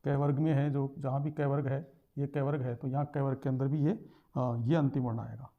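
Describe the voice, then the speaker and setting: A man's voice: medium pitch, little pitch movement, normal speed, dull audio. A man teaching a lesson, explaining step by step, repeating terms and sounding out letters.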